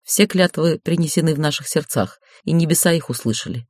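A young necromancer groom, sly and mocking, who speaks with dry, teasing calm, as a woman reading an audiobook puts him on. The voice sits a little lower than the reader's own and is recorded dry and close, with no room sound. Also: a little fast, no room sound, close to an everyday voice. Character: wry scheming necromancer groom, young man.

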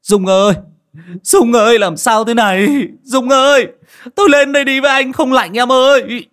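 A man voicing a panicked young husband, wailing and shouting for his wife. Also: extremely high pitch, normal speed, pitched above the performer's own voice. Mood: frantic.

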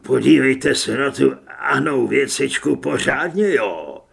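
A man voicing a coarse, hot-tempered thug who talks hoarse and rough in an audiobook. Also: mid-range voice, fairly bright tone, heavily acted. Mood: gruff.

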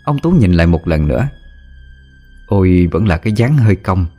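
A deep-voiced man narrates a scripted horror story with lively, swinging intonation. His delivery is dramatic and expressive throughout. Faint music plays under his voice. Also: normal speed.

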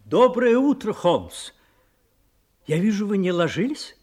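An actor playing an earnest, soft-hearted gentleman doctor and loyal sidekick in an audio drama, speaking emotively and eagerly with a husky voice. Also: high voice, very animated, measured pace, full character voice. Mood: concerned. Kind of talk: Russian audio drama acting.

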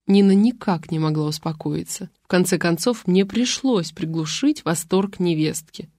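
Woman narrator, first-person audiobook, mid-pitched and steady, dry close mic. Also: normal speed, dry recording.

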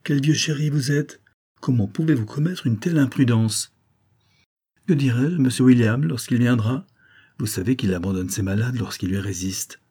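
A man voicing a gentle, elegant middle-aged noblewoman who pleads and reproaches in an audiobook. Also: medium pitch, normal speed, breathy edge. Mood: reproachful. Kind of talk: audiobook character voice.

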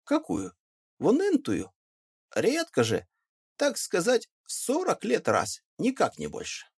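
A man's voice: high voice, wildly swooping pitch, takes it slowly, breathy edge, voice pushed up, heavily acted. A man voicing a sly old peasant who answers in a teasing, sing-song way in an audiobook.

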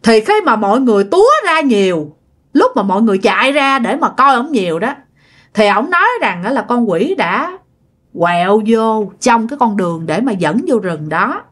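A woman telling a ghost story in a Southern Vietnamese accent, talking straight to her listeners. Her voice sits fairly high and swings widely in pitch. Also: very animated, normal speed, fairly bright tone. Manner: chatty, addresses listeners directly.

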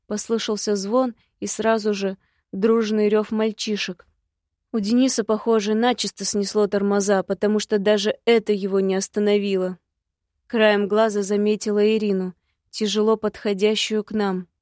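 A woman narrates an audiobook in a measured, scripted reading. Her voice sits at a middle pitch and stays flat and even. The recording is dry, with no room sound. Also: no room sound.

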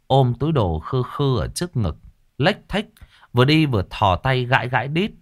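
Animated male storyteller. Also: medium pitch. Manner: earthy, colloquial, animated. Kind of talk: storytelling narration.

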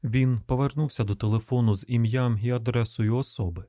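A man narrating an audiobook in a steady, even reading voice, close to the microphone. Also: medium pitch, fairly quick, no echo. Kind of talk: scripted narration.

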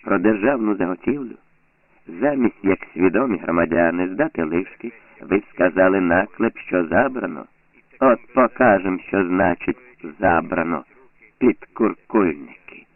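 A man putting on a bullying male Soviet grain official, sneering and loud, with mocking scorn. The voice sits deep with a gravelly edge, and the audio is thin and tinny like a phone line. It plays as an audiobook scene. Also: animated, unhurried, full character voice. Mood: scornful.

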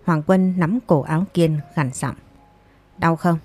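A woman storyteller hosting her channel, reading a romance story in an even, measured way. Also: deep voice, husky. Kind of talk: scripted story narration.

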